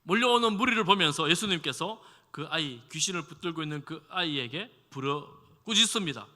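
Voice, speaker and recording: Korean-style church sermon, guy pastor, chatty, keeps asking the congregation stuff, super bright voice. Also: on the high side, expressive, a little fast. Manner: conversational, asks the congregation questions, acts out quoted speech. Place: church sanctuary. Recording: long hall reverb.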